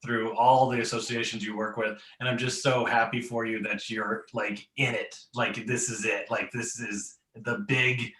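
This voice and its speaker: A man's voice: fairly low pitch, bright, forceful tone. A man giving an earnest, rambling toast on a video call. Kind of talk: casual toast. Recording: roomy echo.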